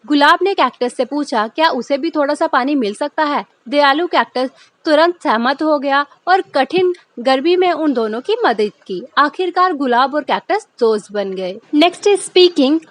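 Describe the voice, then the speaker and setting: A woman teacher, her voice set high. She works through exercises, reading each line out slowly and then explaining it in Hindi. The recording is dry and close. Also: no echo. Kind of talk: explaining a school lesson.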